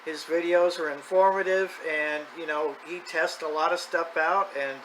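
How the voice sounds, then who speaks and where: In this casual, unscripted vlog monologue, an older or middle-aged man talks plainly and folksily as host of a hobby video. His pitch leans high and a bit bright, his tone steady, his speed normal. Audio quality is poor, with clear ambient background noise.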